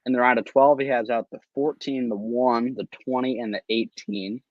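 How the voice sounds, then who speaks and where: A man's voice: mid-range voice, fairly even intonation, no room sound. Man hosting a podcast over dull lo-fi sound. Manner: joking, quick to tease. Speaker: podcast host. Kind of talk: casual chat.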